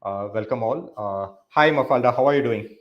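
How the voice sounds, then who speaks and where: A man's voice: mid-range voice, moderate pace, muffled recording. A man in his thirties hosting a live business interview, talking in a loose, rambling way with many fillers. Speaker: podcast host.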